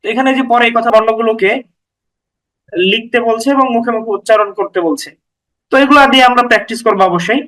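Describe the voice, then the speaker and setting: A recitation teacher whose voice sits very high for a man, with a sharp, forceful brightness. He walks through pronunciation step by step, repeating each syllable several times. He poses questions to the class and answers them himself. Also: fast, long pauses, low-quality recording. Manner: patient, drills syllables aloud with many repetitions.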